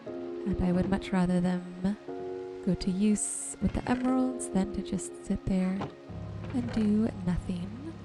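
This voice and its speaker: A woman plays a game and narrates it in a soft-spoken ASMR manner, speaking very slowly at a mid-range pitch for a female voice. She muses aloud both to herself and to her viewers as a gaming streamer and host. Music and rain sounds are clearly audible behind her.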